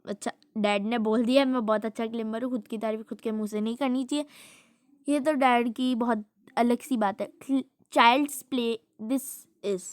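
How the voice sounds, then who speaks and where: A woman's voice: a little high, fairly even intonation, moderate pace, dry recording. A woman reading a picture book aloud in a casual, chatty way, stopping to explain words at length and laughing along with the story.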